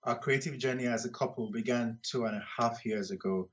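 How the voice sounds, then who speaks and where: A man from Nigeria chats as an interview guest at a medium pitch. His audio is slightly dull, from an internet call. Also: a little fast. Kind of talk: casual conversational interview.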